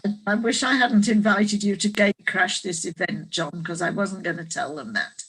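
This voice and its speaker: A woman author, a guest on a panel, telling a story in a reflective, halting way. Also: medium pitch, a bit bright, breathy edge, poor audio. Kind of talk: casual panel discussion.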